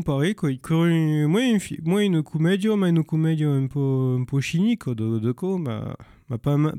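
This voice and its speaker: A man recommending films in a second language, halting and searching for words as he goes. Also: medium pitch, warm tone, smooth, dry recording, studio quality. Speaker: film presenter. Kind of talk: informal spoken film recommendations.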